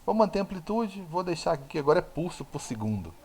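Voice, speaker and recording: A man's voice: on the high side, sing-song, quick pace, a little mellow, slight background noise. Chatty Brazilian physics lecturer, man. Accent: Brazilian Portuguese. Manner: chatty, self-correcting, checks in with "né?". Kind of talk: informal recorded lab lesson.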